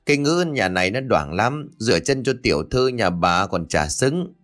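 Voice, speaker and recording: A harsh old mother-in-law snaps and sneers at her daughter-in-law, as a man reads her lines. The voice sits low and carries shrill, scolding barbs. Faint music plays behind the storybook reading. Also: lively intonation, normal speed, fairly bright tone.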